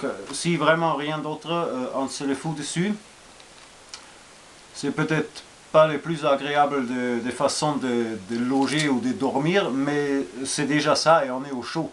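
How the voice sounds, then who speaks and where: A man with an Austrian accent talks through his survival gear in a loose, halting way, full of fillers and restarts. His voice sits at an ordinary pitch for a man. A faint hiss runs under the recording. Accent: Austrian German. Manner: hesitant, many fillers and restarts, relaxed and informal. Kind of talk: casual show-and-tell vlog.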